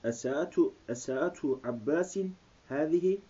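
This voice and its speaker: A man reading aloud and translating haltingly, word by word, as a language student, recorded on an old worn cassette. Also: a little high, dark tone, slight background noise. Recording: muffled old cassette tape.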